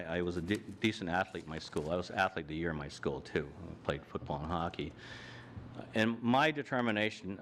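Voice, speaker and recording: An older Canadian man speaks in a low voice, giving a plainspoken personal talk on a panel in a hall with an audience. He walks through his slides and restarts often, with slight background noise.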